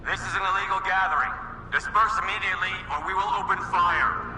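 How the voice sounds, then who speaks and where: A stern police commander booming through a loudspeaker. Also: male voice, fairly quick, reverberant, in a large hall, low-quality recording. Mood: commanding. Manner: curt, commanding warnings. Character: stern male police commander ordering a crowd to disperse.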